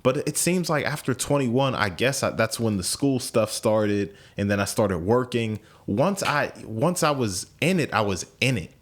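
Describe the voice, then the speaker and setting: Animated and medium-pitched, this late-twenties American podcast host talks at normal speed with few pauses. He keeps it conversational and casual, thinking aloud and often repeating or starting over.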